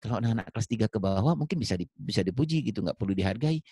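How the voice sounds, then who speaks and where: A middle-aged man gives a parenting talk in a low, warm voice with a slight huskiness. He speaks straight to the listening parents and acts out short everyday dialogues along the way. The sound is close and dry. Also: rapid-fire, slightly rough, dry recording. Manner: lively storyteller, acts out dialogue in raised voices; addresses listeners directly as ayah and bunda.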